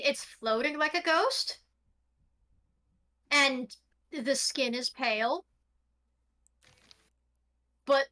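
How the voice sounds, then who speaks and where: Bright high-voiced woman as game master. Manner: eating while narrating, slow descriptive narration. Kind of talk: narrating a tabletop game.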